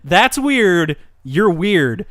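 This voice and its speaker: A man's voice: high voice, very animated, very slow, fairly bright tone, no echo, studio quality. A man co-hosting a casual anime discussion podcast, enthusiastic and swearing freely. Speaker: podcast co-host.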